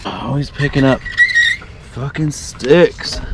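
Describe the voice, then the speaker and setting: Excitable guy doing a casual bike trip vlog, slow easy pace, loud wind and noise all over it. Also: mid-range voice, creaky. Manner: excitable, whooping and joking. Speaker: vlogger on a bikepacking trip. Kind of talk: casual outdoor vlog chat.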